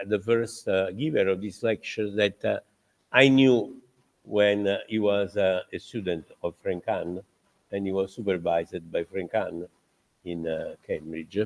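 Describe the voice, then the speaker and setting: An older man gives a formal lecture introduction in a fairly low voice. He talks haltingly, with frequent filler pauses, and chuckles as he tells his stories. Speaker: professor introducing the guest lecturer.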